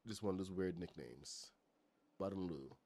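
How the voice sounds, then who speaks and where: A man's voice: low-pitched, moderate pace, a little hiss or hum. A middle-aged man from Barbados chatting casually and rambling with many fillers while he streams a building game. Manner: rambling, filler-heavy, greets chat loudly. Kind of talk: casual gaming livestream chat.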